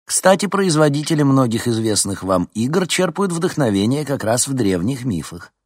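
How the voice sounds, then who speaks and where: A charismatic young history teacher who lectures with lively, engaging swings of pitch, as the narrator puts him on. Husky, slightly raised voice. Dry close recording. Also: male voice, moderate pace, dry recording.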